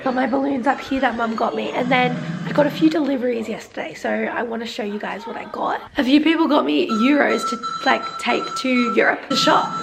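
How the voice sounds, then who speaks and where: A young woman in her early twenties, chatty and gushing in a casual vlog, her voice hoarse from losing it. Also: sits high. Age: early 20s. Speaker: vlogger. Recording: background music.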